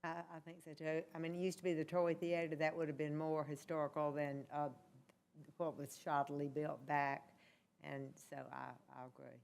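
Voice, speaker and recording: A woman's voice: sits low, flat delivery, normal speed, vocal fry, a little mellow, clean tone. A woman on a city commission chatting lightheartedly about a building. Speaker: commission member. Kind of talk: meeting discussion.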